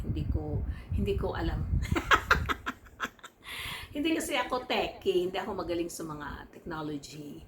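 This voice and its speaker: A woman's voice: fairly low pitch, heavy background noise. A woman, chatting and giggling through a casual product review on her vlog. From Philippines. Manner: chatty, giggly, mixes English and Tagalog. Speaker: vlogger.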